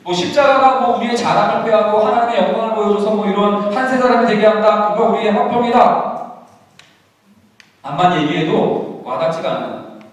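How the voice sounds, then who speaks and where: A man preaching a sermon at a youth retreat, acting out the grumbling of churchgoers in a lively way. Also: sits high. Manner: animated, acts out churchgoers' grumbling lines. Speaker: pastor. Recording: echoey hall from far off.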